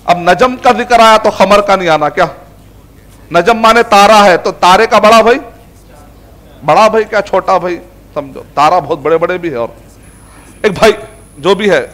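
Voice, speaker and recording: High-voiced male Islamic lecturer. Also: moderate pace, pauses often, fairly bright tone. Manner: explanatory, mixes in English words and Arabic recitation. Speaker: Islamic scholar teaching Quran. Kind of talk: religious lecture.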